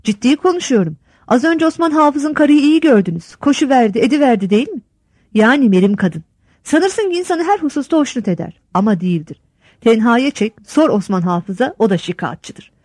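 A blunt old village headman holds forth with homespun sayings, as a woman reads him aloud. His voice sits fairly high and swings widely in pitch. The sound is close and dry. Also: very animated, brisk, darkish tone, no echo. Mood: lecturing. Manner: lecturing, folksy sayings.

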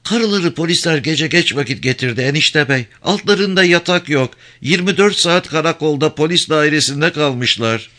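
A man's voice: on the high side, expressive, normal speed, sharp tone, voice pushed up. A man reading a novel aloud, voicing a worldly, outspoken woman who talks bluntly. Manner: blunt, unabashed and mocking. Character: brash, worldly woman, a seasoned streetwalker.

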